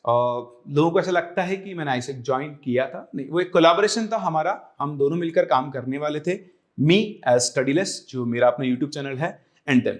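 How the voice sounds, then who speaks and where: A young man and coaching teacher explaining a career decision to viewers, earnest and reassuring, slipping English phrases in. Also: high voice. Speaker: online exam coaching teacher.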